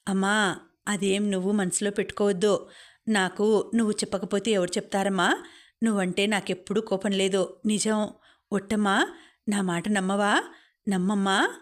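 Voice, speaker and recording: Audiobook: gentle devoted daughter, read by a woman narrator; soft, even delivery. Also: mid-range voice, moderate pace, pauses often, natural voice. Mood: reassuring. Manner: soft, pleading and affectionate.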